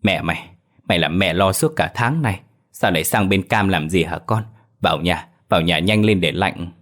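A man voicing an anxious middle-aged mother in a horror story, stammering and scolding in his own low voice. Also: normal speed, a bit bright. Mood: fretful. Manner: stammering then fretful scolding.

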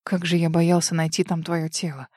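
A woman reading the lines of a calm young nobleman in an audiobook, voicing him low, quiet and controlled. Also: brisk, no room sound, studio quality, natural voice. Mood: tender. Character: calm, cold-voiced young nobleman, a commander.

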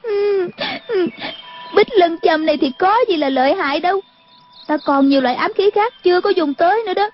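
A woman voicing a mischievous, spiteful teenage girl from a martial-arts story, shrill and taunting in a dull lo-fi recording. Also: expressive, moderate pace. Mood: sobbing defiant.

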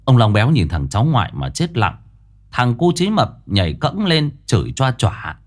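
A man reading a ghost story aloud in a dramatic, expressive storytelling style. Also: mid-range voice, normal speed. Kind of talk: storytelling narration.

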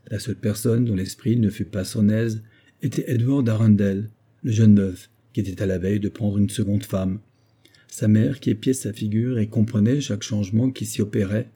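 A man reading a classic novel aloud in measured, steady audiobook narration. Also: fairly low pitch, husky. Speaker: audiobook reader.

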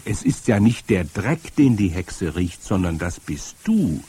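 A man reading aloud and voicing a stern old grandmother who explains things firmly, with a husky voice. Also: deep voice, big pitch swings, warm tone, voice pushed up, exaggerated voice. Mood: stern, lecturing. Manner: firm, lecturing, drawn-out emphasis. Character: stern old grandmother, matter-of-fact storyteller. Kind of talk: audiobook reading.

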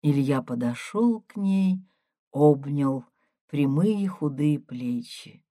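Expressive woman narrator, low voice, dry close sound. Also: slow, no echo. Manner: expressive, varied. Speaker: audiobook narrator. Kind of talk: storybook narration.

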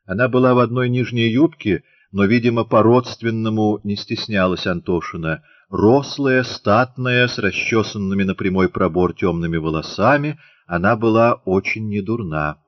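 A man narrating an audiobook in a measured storytelling manner. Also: fairly low pitch, no room sound, dull audio.

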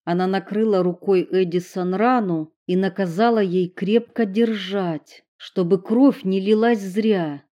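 A woman narrating an audiobook in a slow, measured reading. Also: medium pitch, dark tone.

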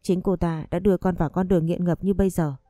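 A man's voice: high voice, flat delivery, fast, warm tone, no echo, clean studio sound, soft background music, natural voice. A woman voicing a frightened young man who begs his father for forgiveness in a read-aloud story. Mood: remorseful. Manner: whining, pleading.

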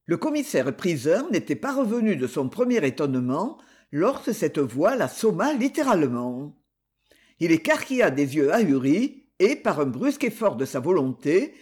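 A man with a husky voice reading an adventure novel aloud as an expressive, scripted narration. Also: on the high side. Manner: expressive storytelling. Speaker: audiobook narrator.

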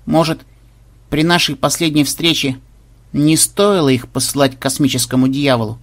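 A man's voice: fairly high pitch, moderate pace, lightly acted. A man voicing a tactful young granddaughter. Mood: reproachful. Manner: delicate, gently pointed.

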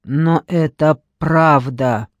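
A man's voice: fairly high pitch, very slow, no room sound, highs cut off. Man playing a frightened pleading captive. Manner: pleading, shaken, stammering. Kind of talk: audiobook character reading.

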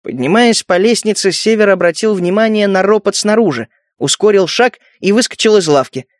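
A man narrating an audiobook in a steady storytelling manner. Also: high-pitched, normal speed, dry recording, studio quality. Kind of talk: scripted narration.

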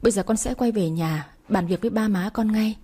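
A woman's voice: medium pitch, fairly quick, warm tone, slightly rough, natural voice. A woman reading the lines of an earnest, respectful young man asking to marry. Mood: relieved. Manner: pleading, respectful. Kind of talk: audiobook story reading.

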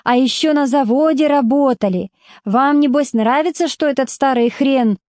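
Blunt working-class mother, homely folk speech, mellow tone, dry sound, a woman reading aloud. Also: on the high side, measured pace, no room sound, close to an everyday voice. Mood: indignant.

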